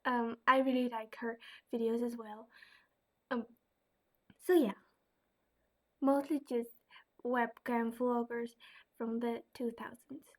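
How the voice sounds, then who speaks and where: Taking her time and pausing often, a young Dutch-accented woman with a fairly high, flat voice handles viewer questions in a laid-back vlog. Her delivery is hesitant and full of fillers and gentle asides.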